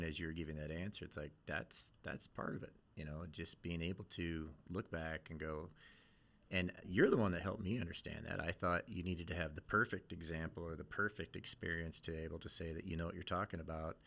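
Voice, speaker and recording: Male host from Iowa, very low pitch with a bright edge, jokey and self-deprecating, on a video call. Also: gravelly. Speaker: interviewer and host. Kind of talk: casual live-stream interview.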